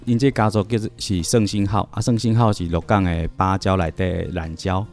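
A man from Lukang with a Taiwanese accent, a café-owner guest explaining things in a relaxed way and mixing in Hokkien. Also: deep voice, a little fast. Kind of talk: casual chat. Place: old-house café.

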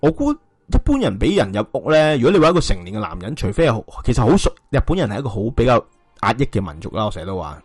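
Fast-talking Hong Kong Cantonese man, close and dry. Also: medium pitch, wildly swooping pitch, darkish tone, breathy edge, no echo, faint music behind. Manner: colloquial, speculative, uses rhetorical questions. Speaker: podcast host. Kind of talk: casual true-crime discussion.

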